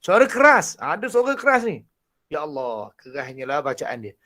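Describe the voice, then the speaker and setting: A man with a Malaysian Malay accent and a naturally husky, breathy voice, teaching a Quran recitation class in a lively way, with frequent laughs. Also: on the high side, moderate pace. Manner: animated, laughs often, demonstrates voices. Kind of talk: online lecture.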